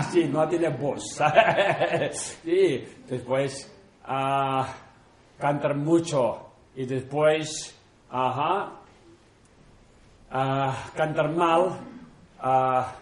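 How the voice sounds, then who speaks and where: A man, a monk, talking casually to a small group in halting non-native Spanish, full of fillers and tag questions. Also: mid-range voice. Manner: unhurried, chatty, often chuckling. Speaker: monk leading an informal group session. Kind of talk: informal talk to a small group. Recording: roomy echo in an indoor room.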